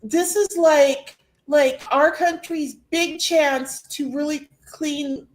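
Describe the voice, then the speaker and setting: Casting note: high-pitched woman, rambling chatty co-host, echoey room. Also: steady tone, slow. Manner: rambling, filler-heavy. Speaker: podcast co-host. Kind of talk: casual chat. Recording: roomy echo.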